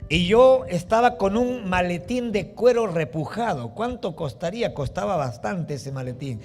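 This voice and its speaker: A middle-aged Peruvian man preaching a sermon, telling a personal story with lively acted-out voices and exclamations. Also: high-pitched, normal speed, soft background music. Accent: Peruvian Spanish. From Peru. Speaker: pastor.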